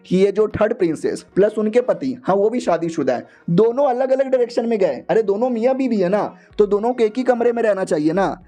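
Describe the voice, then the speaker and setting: A man's voice: high voice, lively intonation, a little fast, few pauses, warm tone, faint music behind. A man narrating a comic-story recap in a chatty, slangy way with joking asides.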